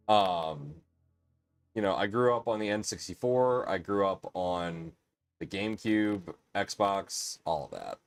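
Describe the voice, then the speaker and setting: Chatty young man with low voice. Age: 20s. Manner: rambling, chatty, many fillers and restarts. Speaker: live stream host. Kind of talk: casual live stream chat.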